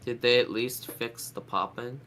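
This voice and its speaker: A man's voice: mid-range voice, fairly even intonation, unhurried, a bit bright. A man with a stuffy nose from a cold, chatting casually on a game stream. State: congested with a head cold, blocked nose. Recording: clear background noise.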